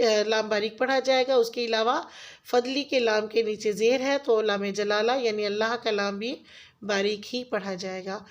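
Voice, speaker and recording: A woman with a Pakistani Urdu accent teaching Quran recitation rules, patiently explaining each sound and slowly sounding out the Arabic words. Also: a little high. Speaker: tajweed teacher.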